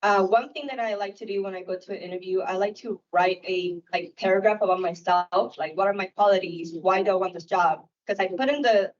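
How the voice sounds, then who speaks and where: A woman's voice: mid-range voice, brisk, hardly any pauses. A woman from Puerto Rico with a Puerto Rican accent, whose first language is Spanish, speaking to a room as an officer, with frequent hesitant fillers. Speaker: uniformed officer at a recruitment event. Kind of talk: casual public talk. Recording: distant, muffled room recording.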